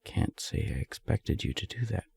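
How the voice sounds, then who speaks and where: In an intimate romantic roleplay audio, a man plays a lovestruck, self-deprecating non-binary friend, lightly acted. Shy and happy, he speaks softly and haltingly with hesitation, his voice breathy and husky.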